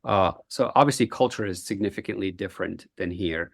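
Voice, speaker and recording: A low-pitched man from Egypt, speaking English as a guest on a podcast. He talks earnestly and thoughtfully, often pausing on "uh". The recording is dry and close. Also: vocal fry, no echo. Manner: earnest, reflective, frequent "uh" fillers. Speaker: guest, entrepreneur. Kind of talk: podcast interview.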